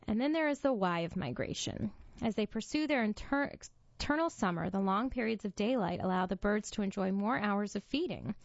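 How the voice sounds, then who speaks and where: A woman with a mid-pitched voice reads in a nature documentary style. Her delivery is measured and clearly scripted, like an article read aloud. The recording is dry and slightly dull, with a lo-fi finish. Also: no room sound. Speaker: volunteer-style magazine reader for a radio reading service.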